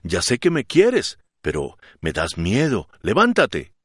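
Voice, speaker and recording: A man voicing a kind, gentle young lady in an audiobook, speaking in a pleading, anxious way. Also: lowish voice, wildly swooping pitch, slow pace, husky, no echo, studio quality, exaggerated voice. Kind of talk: audiobook character reading.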